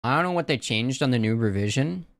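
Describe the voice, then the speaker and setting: Man, frat-bro manner, slangy and profane, casual streamer chat, mid-pitched voice, close dry sound. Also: lively intonation, quick pace, no echo. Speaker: livestream host.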